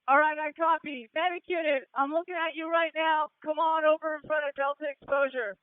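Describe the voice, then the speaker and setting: A man with a very high, strained voice directs a fire scene in short, brisk commands. He comes through a narrow, tinny two-way radio channel that sounds dry and boxed in, with no room around the voice. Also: steady tone, no room sound. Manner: brisk, clipped orders. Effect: two-way radio transmission. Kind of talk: fireground radio traffic.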